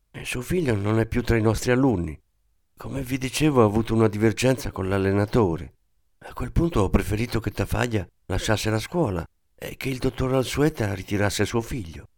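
A man's voice: moderate pace, no echo, studio quality, natural voice. A man voicing a nervous, evasive priest. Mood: defensive. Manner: defensive, pleading, higher and softer. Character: evasive middle-aged male priest, school director.

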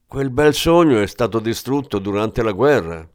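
A man's voice: mid-range voice, expressive, normal speed, darkish tone, no room sound, studio quality, close to an everyday voice. A man voicing a hardened male criminal in an audiobook, blunt and world-weary.

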